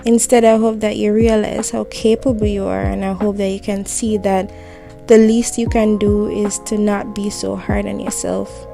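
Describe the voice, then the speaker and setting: A woman's creaky, mid-range voice offers a tender, comforting monologue addressed straight to the listener, with the warmth of a heartfelt voicemail.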